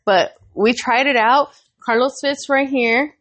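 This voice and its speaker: A young adult woman co-hosting a podcast, telling a story in casual chat, animated and profane and laughing often. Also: sits high, measured pace. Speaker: podcast co-host.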